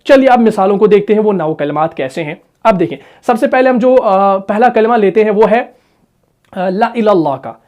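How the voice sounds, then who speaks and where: A man teaching a Quran recitation lesson, asking the class rhetorical questions, repeating key points and reciting example words slowly and drawn out. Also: high-pitched, lively intonation, darkish tone, lo-fi sound. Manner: asks the class rhetorical questions and answers them.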